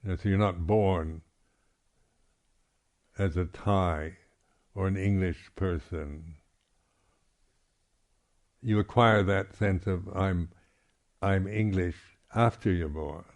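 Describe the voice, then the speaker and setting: The speaker is a male Buddhist monk teacher with a low voice. His talk at the meditation retreat is unscripted and reflective, delivered haltingly as he often clears his throat.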